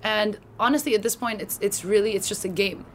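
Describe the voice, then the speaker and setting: A woman's voice: medium pitch, fairly even intonation, fairly quick, a little hiss or hum. A woman with a Californian American accent, a podcast guest talking passionately in casual chat, often restarting her sentences. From France. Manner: passionate, emphatic, frequent restarts.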